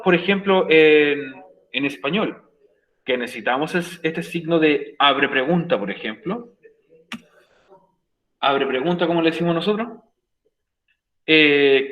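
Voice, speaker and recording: A man's voice: a little high, a bit bright, roomy sound, rough recording. A man with a Chilean Spanish accent teaching an English lesson in a virtual class. He is emphatic, repeats his points and keeps asking "ok?". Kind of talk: online class explanation.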